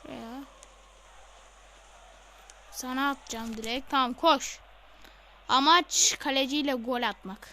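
A woman playing a football video game live, excitable, yelling instructions at the screen and swearing. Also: high voice, slow, pauses often. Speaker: gamer.

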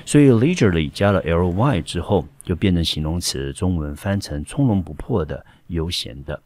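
A male high school English teacher with a Taiwanese Mandarin accent, explaining a textbook passage step by step with frequent fillers. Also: animated, moderate pace, darkish tone, dry recording.

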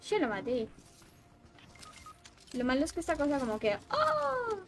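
A woman streaming a game, chatting casually with her viewers and getting excitable as she plays. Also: high voice, normal speed, soft background music. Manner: excitable, shrieks and laughs while playing, chats with viewers. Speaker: livestreaming gamer. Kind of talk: casual gaming livestream chat.

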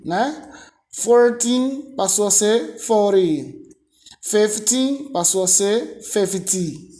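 A man's voice: high-pitched, warm tone. A man teaching an online English lesson, patiently drilling numbers by repetition and often checking in with tag questions.

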